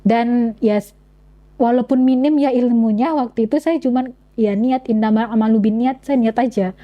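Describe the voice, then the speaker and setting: A woman's voice: a little high, steady tone, normal speed, lo-fi sound. A young woman telling her personal story in an interview, speaking earnestly with frequent halts and restarts. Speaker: interview guest.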